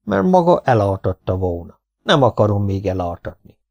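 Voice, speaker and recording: A glum, stubborn old villager mumbles slowly in a low, raspy voice, as a male reader puts him on. The tone is dark and gravelly, and he sounds weighed down. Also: big pitch swings, full character voice. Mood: mournful.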